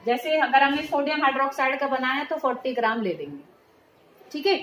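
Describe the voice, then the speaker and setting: A woman's voice: high-pitched, expressive, brisk, a bit bright, a little hiss or hum. A woman chemistry teacher giving a hands-on lab demonstration, patiently walking students through each step and checking they follow. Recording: roomy echo.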